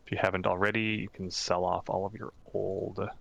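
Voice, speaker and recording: A man joins a game stream as co-player, relaxed and mostly answering briefly. His voice is low and gravelly. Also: brisk. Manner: laid-back, brief replies. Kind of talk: casual chat while gaming.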